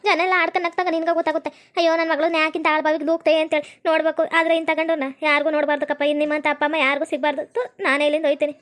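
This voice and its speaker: A woman with a very high, piercing voice and a North Karnataka Kannada accent. She rattles along quickly in a rustic, scolding, complaining tone, acting out village characters for a cartoon comedy. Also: flat delivery, a bit bright.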